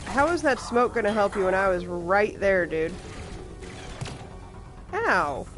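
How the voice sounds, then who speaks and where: A young woman talks casually over her game, reacting out loud and laughing often. Her pitch sits in the middle, and she chats freely with viewers. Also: animated, moderate pace, over music. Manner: chatty, laughs often, reacts loudly to gameplay. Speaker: streamer. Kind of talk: casual live game commentary.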